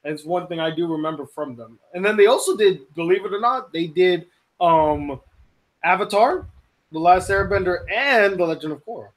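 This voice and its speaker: A young man hosting a casual live-stream chat, animated and ranting, with quick asides. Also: sits high. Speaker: host.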